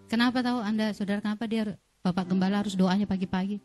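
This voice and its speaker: A middle-aged woman pastor preaching a fervent sermon in a church, dropping to hushed prayer and rising to loud exhortation. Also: mid-range voice, fairly even intonation, fast talker, faint music behind.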